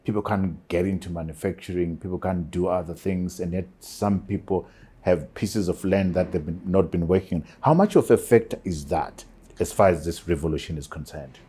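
A middle-aged man hosting a studio interview, asking questions in an expressive way, recorded on a lapel mic. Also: deep voice, moderate pace, slightly rough. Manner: expressive, leans back, gestures widely. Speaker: talk show host. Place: small television studio set.

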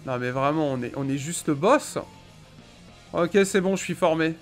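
A man's voice: on the high side, normal speed, faint music behind. A young man hosting casual gameplay commentary, exclamatory and slangy, speaking straight to his viewers. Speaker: gaming video host. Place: small indoor gaming room.

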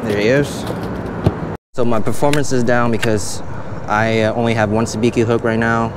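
This is casual vlog narration from a young man fishing on an outdoor pier, recorded with an action camera strapped to his head. His medium-pitched voice keeps a level tone at a moderate pace, and his manner is chatty and upbeat. Clear noise runs through the outdoor camera sound.

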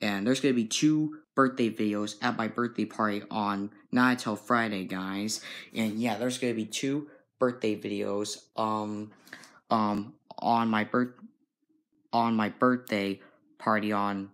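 A young man records a casual vlog on his phone in his bedroom, speaking in a fairly low voice. He talks very slowly, circling back over the same points again and again and calling out to his viewers. The sound is the plain audio of a handheld phone. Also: fairly even intonation, fairly bright tone. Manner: slow and repetitive, keeps addressing "guys". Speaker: vlogger. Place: bedroom at home. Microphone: handheld phone camera.

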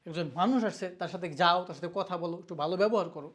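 A woman's voice: on the low side, rapid-fire, close to an everyday voice. A woman playing a husband who pleads with his angry wife to treat his sister kindly. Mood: pleading. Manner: pleading and reasoning. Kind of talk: short film acting.

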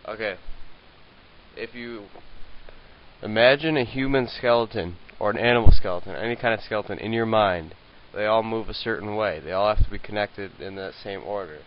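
A young man giving a casual screen-recorded software tutorial, rambling and hesitant with many fillers, talking into a handheld mic at his home computer. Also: lowish voice, moderate pace, highs cut off. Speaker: tutorial maker.

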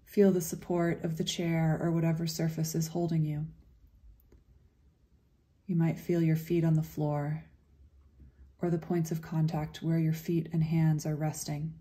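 A woman leads a guided meditation in a very soft, dark, relaxed voice. She keeps her pitch low and speaks gently and slowly, with long, soothing pauses between phrases.

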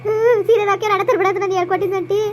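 A tearful, aggrieved young village wife, played by a woman in a comedy skit. Her high voice stays flat in pitch as she pours out complaints at great speed. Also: racing, a little hiss or hum.

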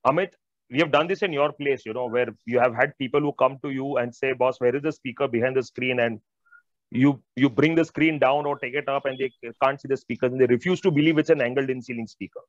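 Here the middle-aged audio expert with an Indian accent talks quickly in a mid-range voice, with no room sound on a dull, band-limited video-call recording picked up by wired earphones. He walks listeners through technical points casually but forcefully, often repeating himself and talking to them directly.

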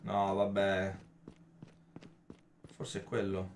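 A man commentating his own shooter gameplay, taunting opponents and breaking into excited outbursts. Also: sits low, very slow, recorded from a distance, a little hiss or hum. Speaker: gaming YouTuber.

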